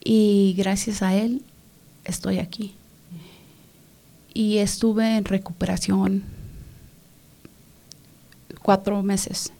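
Woman, native English speaker, interview guest, faith testimony, soft and earnest, frequent whispering, narrow pitch range, gravelly. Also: little pitch movement, very slow, long pauses. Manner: soft, often drops to a whisper.

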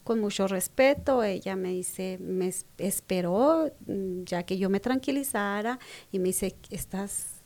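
Telling the story of her faith, a softly spoken woman with a Mexican Spanish accent talks at a slightly slow pace and medium pitch. Her voice frequently sinks into a breathy half-whisper, and when she voices quoted dialogue, her emphasis builds.

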